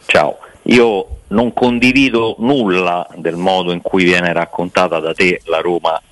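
A man calling in to a live radio show as a listener, polite, measured and somewhat formal. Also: sits low, steady tone, a bit bright, no echo, low-quality recording.

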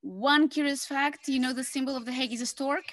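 A woman's voice: high voice, fairly quick, dry recording. A woman from Portugal, chatting casually as a podcast guest. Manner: relaxed, chatty storyteller. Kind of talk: casual interview.

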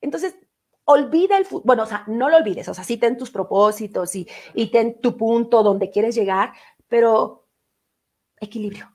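A woman with a Mexican accent and a high, bright voice hosts a live online show. She talks casually and playfully, with lots of fillers along the way. She reads viewer comments aloud and answers them warmly. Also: moderate pace. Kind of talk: casual live-stream chat.

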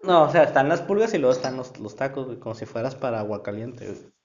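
A man's voice: mid-range voice, expressive, quick pace, slight background noise. Slangy Mexican man, roomy dull sound. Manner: slangy, laughs often, swears freely. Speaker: podcast co-host. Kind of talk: casual banter with friends.

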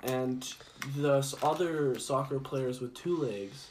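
A young man telling an absurd story in a deadpan, halting way, with many restarts. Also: medium pitch, slight background noise.

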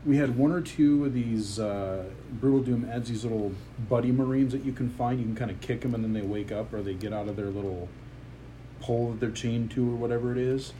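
A man's voice: mid-range voice, fairly even intonation, fairly quick, dark tone, slight background noise, rough recording. A man co-hosting a casual podcast about video games, talking in a rambling way and often restarting his sentences. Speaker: podcast co-host. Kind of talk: casual gaming chat.

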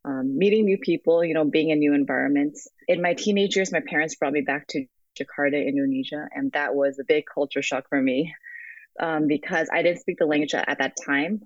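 A woman's voice: low-pitched, brisk, no room sound. Guest, young American woman, reflective, hesitant, over a dull, dry call line. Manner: reflective, frequent ums and restarts. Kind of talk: remote interview. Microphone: phone app call.

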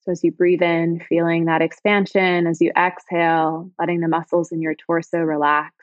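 A woman leading a guided body-scan meditation in slow, soft, soothing phrases. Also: on the low side, little pitch movement, no room sound, highs cut off.

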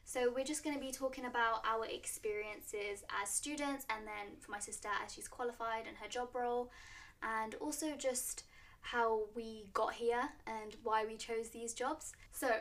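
A playful, chatty woman in her twenties hosts a relaxed conversation and often breaks into giggles. Her voice sits fairly high and sounds a little distant from the microphone. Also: normal speed. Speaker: podcast host, student nurse. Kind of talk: casual chat.

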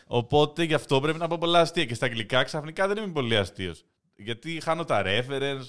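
A young man in casual podcast chat, an animated storyteller who laughs often. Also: on the high side. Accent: Greek. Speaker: podcast co-host.

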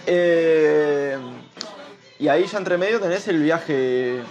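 A man's voice: fairly high pitch, slow pace, darkish tone, lo-fi sound, faint music behind. Man interviewing casually. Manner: prompting, checks with a trailing "¿no?".

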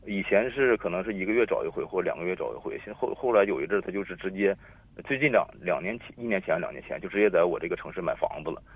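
A man's voice: low voice, expressive, rapid-fire, breathy edge, no room sound. A man in his thirties calling in on the phone, rambling and repeating himself as he tells his story. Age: 30s. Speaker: caller. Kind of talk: phone-in call telling a personal story. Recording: tinny dry phone line.

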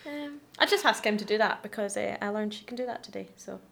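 A woman's voice: mid-range voice, fast talker, gravelly, fairly bright tone, slight background noise. A woman co-hosting a casual chat, full of teasing banter. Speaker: co-host.

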